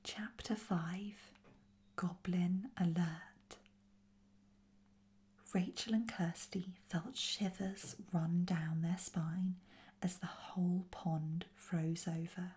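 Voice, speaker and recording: A woman reading a children's story aloud in a soft, soothing whispered role-play. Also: on the low side, fairly even intonation, extremely slow. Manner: softly spoken, soothing.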